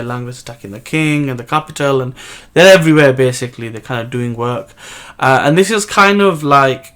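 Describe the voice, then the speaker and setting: A man's voice: mid-range voice, a bit bright. A man hosting a manga review channel, recapping the chapter in a casual, rambling way with many fillers and self-corrections.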